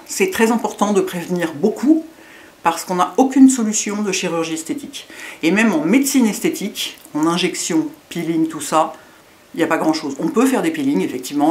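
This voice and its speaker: With a fairly low pitch, this middle-aged woman chats casually as a beauty vlogger, rambling and poking fun at herself. A lisp gives her s sounds a slushy quality.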